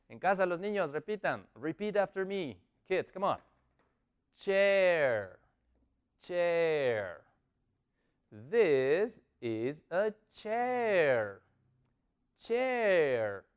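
A man with a Latin American Spanish accent teaching children English words, encouraging them and drawing out each word slowly for repetition. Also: fairly high pitch. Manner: slow, drawn-out model pronunciation; lively, encouraging, repeats words.

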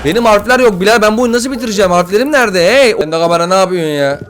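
A young man playing a horror game, swearing, joking and yelling at the game as he comments. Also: high-pitched, animated, very fast. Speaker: gaming YouTuber.

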